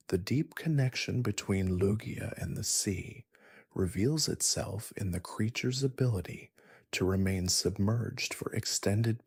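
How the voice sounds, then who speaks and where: A man narrating a soothing sleep story in a hushed, half-whispered, unhurried way. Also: on the low side, vocal fry, breathy edge, dry recording, studio quality.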